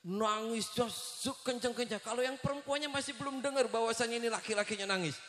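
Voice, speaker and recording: A man's voice: very high voice, fast, a bit bright. A man with a West Javanese accent preaching a comic storytelling sermon, asking the audience questions as he acts out the voices in his story. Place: large echoey venue at a live gathering. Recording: echoey hall with long reverb.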